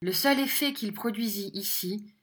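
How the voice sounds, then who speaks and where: A woman narrating an audiobook with a measured, expressive reading. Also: mid-range voice, slightly rough.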